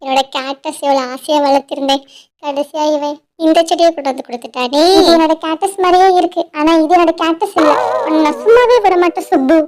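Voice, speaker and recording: A woman voicing an excitable young female bird in a cartoon, fussy and wailing over her pet plant. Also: high-pitched, quick pace, close to an everyday voice, low-quality recording. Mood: sulky. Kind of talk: cartoon voice acting.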